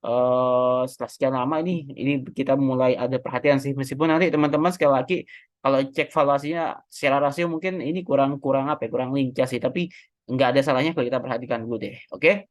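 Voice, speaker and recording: Pria Indonesia pembawa kanal saham, gaya santai, banyak kata pengisi dan koreksi. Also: male voice, medium pitch, steady tone, quick pace, no echo. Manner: chatty, self-correcting, many fillers. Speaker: stock market analyst. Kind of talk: casual technical analysis walkthrough.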